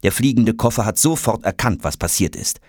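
A man narrating a children's audiobook in an expressive, dramatic way. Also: lowish voice, fairly quick, no echo, clean studio sound. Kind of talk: scripted storybook narration.

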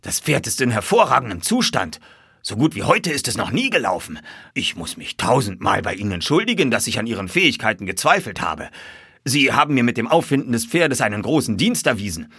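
A man voicing an agitated older colonel who owns racehorses, speaking loudly and excitably in a raised voice. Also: medium pitch, a little fast, husky, dry recording, studio quality, pitched above the performer's own voice, heavily acted. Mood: relieved, excited. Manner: loud, excitable, indignant. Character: agitated older male horse-owning colonel.

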